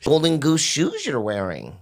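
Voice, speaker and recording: Animated, goofy male podcast co-host. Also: measured pace. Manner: goofy, riffing, frequent high laughs. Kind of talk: casual comedic banter.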